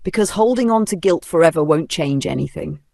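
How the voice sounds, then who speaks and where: A man with a Nigerian accent voicing a calm, forgiving mother who speaks quietly and evenly. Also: a little high, creaky, no room sound, studio quality. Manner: quiet and measured.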